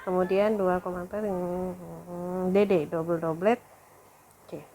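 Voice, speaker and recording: A woman's voice: lowish voice, flat delivery, slow, warm tone, a little hiss or hum. A woman lecturer talking through a recorded lesson, thinking aloud with fillers and corrections.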